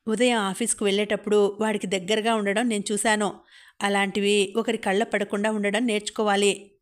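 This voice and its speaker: Flat-voiced woman narrating an audiobook. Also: mid-range voice, a little fast. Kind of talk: reading a novel aloud.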